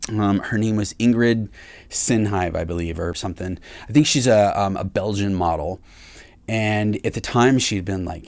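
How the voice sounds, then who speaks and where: A man with a fairly low voice tells a personal story in a relaxed, rambling way. He stumbles and restarts often and pokes fun at himself. The sound is close and dry, with no room around it. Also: dry recording. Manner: halting, self-deprecating, many fillers and restarts. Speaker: recording engineer. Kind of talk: casual storytelling to camera.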